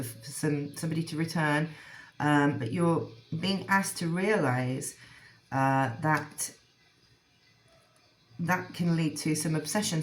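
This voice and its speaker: A woman's voice: sits low, slight background noise. A woman giving a rambling, casual tarot reading, full of fillers and restarts, with a frog in her throat. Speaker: tarot reader.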